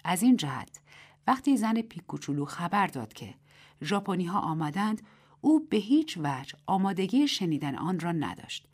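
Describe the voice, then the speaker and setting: A woman reading a literary short story aloud as narrator and host, in a measured, dramatic reading. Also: lowish voice, big pitch swings, slightly rough.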